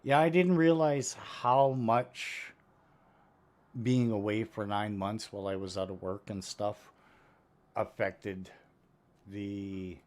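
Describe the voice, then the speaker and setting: Slow-talking man with missing front teeth. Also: on the low side. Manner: rambling, unhurried, matter-of-fact. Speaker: video game streamer. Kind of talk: casual live-stream chat while gaming. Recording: steady background noise.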